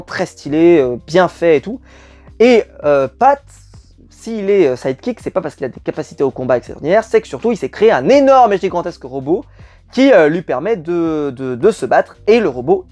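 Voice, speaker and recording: A man's voice: a little high, a little mellow. A young man reviewing a TV series in casual talk, rambling with many fillers and repeated words. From France.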